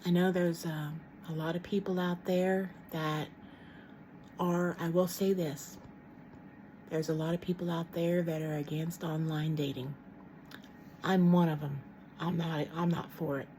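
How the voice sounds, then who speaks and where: Rambling middle-aged woman with a mellow low voice. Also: little pitch movement, unhurried, slight background noise. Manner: rambling and frank, many ums and restarts. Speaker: vlogger. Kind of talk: casual chat to camera.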